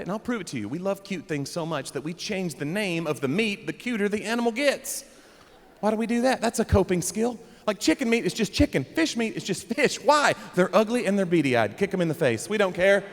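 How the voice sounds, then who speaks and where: Animated man doing stand-up. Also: high-pitched, brisk. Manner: animated, jumps into loud shouted character bits. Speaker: stand-up comedian. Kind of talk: stand-up comedy set. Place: comedy club stage. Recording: live room with long reverb, faint crowd noise.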